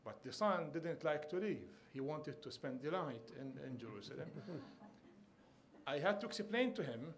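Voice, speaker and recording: A man from Bethlehem, a conference panelist, telling a personal story with earnest warmth and a touch of humor. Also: a little high, lively intonation, unhurried.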